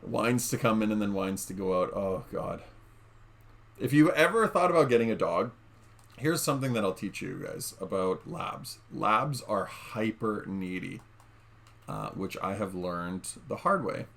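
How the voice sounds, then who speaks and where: This man's voice is fairly low and creaky as he offers laid-back gameplay commentary from a room at home. A gaming YouTuber, he chats straight to his audience, addressing them as "guys" and leaning on lots of fillers.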